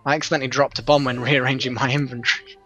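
A man trading exasperated, self-mocking banter with a co-op partner. His voice sits in an ordinary middle pitch. Faint game music plays beneath him. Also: level tone, rapid-fire, sharp tone. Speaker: gaming commentator. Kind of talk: casual gaming chat.

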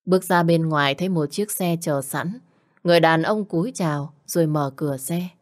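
A woman reading a story aloud in a warm, deep, measured way. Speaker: audiobook narrator. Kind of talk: dramatic audiobook reading.

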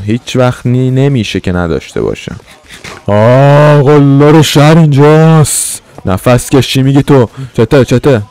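A young male streamer mixes a brash gangster roleplay with running commentary for his audience. He swings between loud bravado aimed at other players and lower, confiding remarks to the viewers. His pitch sits in an ordinary middle range. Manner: swaggering tough-guy banter, swings between loud bravado and quiet asides.

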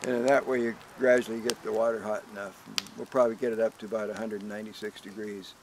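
A man's voice: on the low side, level tone, quick pace, noisy background. An older man, a canoe carver, explaining his methods in plain, practical talk with some fillers, outdoors at a work site. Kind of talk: hands-on demonstration.

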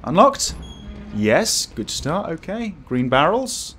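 A man's voice: on the high side, wildly swooping pitch, slow pace, fairly bright tone, slight background noise. A man giving casual let's play commentary as a scared, jumpy horror game streamer who exclaims and swears. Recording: music behind the voice.

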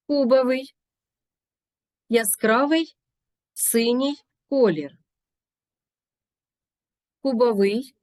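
Female teacher, slow and careful dictation-style lesson narration. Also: medium pitch, no echo. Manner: careful, deliberate word-by-word dictation.

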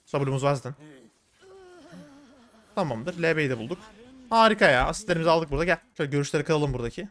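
Male gaming streamer, high voice, very fast play-by-play commentary. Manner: rapid, excitable, slangy, talking to viewers. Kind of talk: live gameplay commentary.

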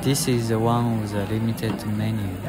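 A young man vlogging in a restaurant, explaining the dishes in slow, simple, short sentences. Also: lowish voice, little pitch movement, over a noisy crowd, very noisy. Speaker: food vlogger. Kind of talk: narrating a restaurant meal. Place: yakiniku restaurant, indoors.

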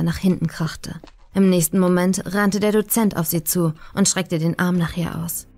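Low, gravelly woman narrating horror. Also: darkish tone. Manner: measured, ominous storytelling. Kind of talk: scripted horror audiobook narration. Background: faint eerie music.

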